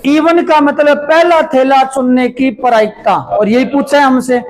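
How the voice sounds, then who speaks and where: Slow high-voiced maths teacher. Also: male voice, steady tone, poor audio. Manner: slow, repeats steps as he writes. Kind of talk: classroom lesson explanation.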